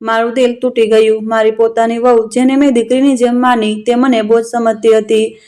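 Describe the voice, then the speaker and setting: A woman tells a first-person family story in a steady, soft-spoken way. Her voice sits fairly high and stays level, with little rise and fall. The telling is calm and scripted, at an unhurried pace. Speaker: narrator.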